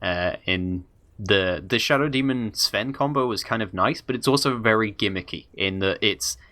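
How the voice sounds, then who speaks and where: A man's voice: lowish voice, moderate pace, sharp tone. A man casting an esports match, talking through the game in a chatty, rambling way. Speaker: esports commentator. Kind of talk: casual esports commentary.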